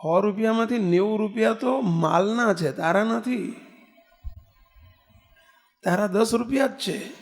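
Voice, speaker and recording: A man's voice: high voice, measured pace, gravelly, pauses often. A man from Gujarat giving a sermon as a swami, asking rhetorical questions and telling stories with quoted dialogue. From Gujarat, India. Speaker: swami preaching a discourse. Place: temple assembly hall.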